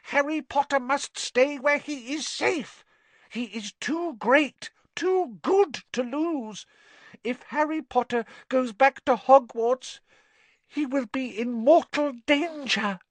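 A man voicing a small, anxious, servile male house-elf in a squeaky, strained voice, speaking of himself in the third person. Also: slow, dry recording. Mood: frantic. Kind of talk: audiobook character voice.

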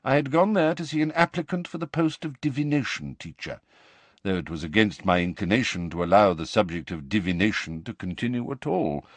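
A man voicing an old male wizard headmaster who speaks in a measured, courteous and gentle way. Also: fairly low pitch, no echo, lightly acted. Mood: grave.

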